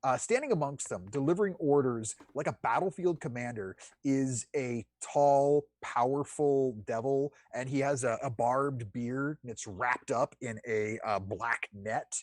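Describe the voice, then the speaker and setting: A man's voice: medium pitch, measured pace, hardly any pauses, dry recording. Man narrating as game master, dry close sound. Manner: vivid, descriptive narration.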